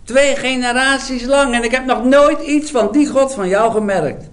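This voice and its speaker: A preacher voicing a scornful exile who mocks the prophet in a taunting, sarcastic way. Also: male voice, very high voice, moderate pace, voice pushed up. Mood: mocking. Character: mocking exiled bystander, scornful man.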